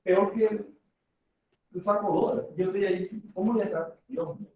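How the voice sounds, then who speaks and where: A man's voice: sits high, fairly even intonation, normal speed, a little mellow. A man giving a medical lecture to a class in a conversational way, acting out short exchanges between doctor and patient. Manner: conversational, acts out patient dialogues. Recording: echoey room, far from the mic.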